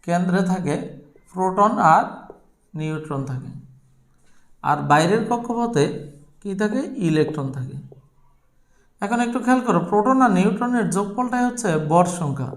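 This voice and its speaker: A man's voice: sits high, animated, normal speed, pauses often. A man teaching a chemistry lesson to students, posing questions and answering them himself and repeating key terms. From Bangladesh. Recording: roomy echo.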